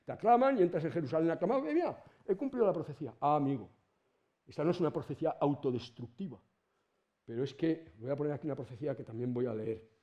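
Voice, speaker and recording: Lively Spanish-accented male lecturer. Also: on the high side, fast, dull audio. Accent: Spain Spanish. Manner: colloquial, animated, swears casually. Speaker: university lecturer. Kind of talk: informal lecture to students.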